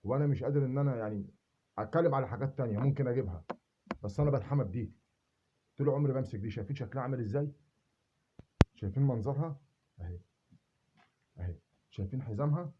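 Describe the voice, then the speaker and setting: Brief: indignant Upper Egyptian man, quick defiant monologue to camera, dull lo-fi recording. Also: mid-range voice, expressive, slight background noise. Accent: Egyptian Arabic, Upper Egyptian. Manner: indignant, repeats rhetorical questions, swells to loud emphasis. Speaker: self-made video speaker.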